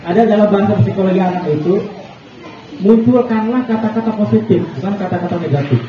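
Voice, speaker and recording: A man giving a casual religious talk to parents, chatty and quick to chuckle, often asking the audience questions. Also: high voice. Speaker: preacher addressing parents. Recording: echoey, distant, dull, noisy room recording.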